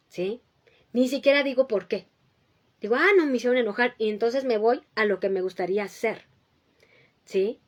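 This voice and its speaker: A woman with a voice pitched a little above the usual hosts a talk on emotional maturity. She explains patiently and step by step, often pausing for a quick rhetorical check-in, and repeats her key points so they stick. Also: darkish tone. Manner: teacherly, checks in with a frequent rhetorical "¿sí?". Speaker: host giving emotional-health advice. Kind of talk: explanatory talk answering viewers.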